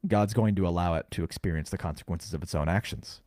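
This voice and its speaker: A man co-hosting a podcast, carefully explaining scripture in casual chat and slowing down to stress key words. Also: deep voice, dark tone, no room sound, clean studio sound. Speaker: podcast co-host. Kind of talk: casual Bible teaching chat.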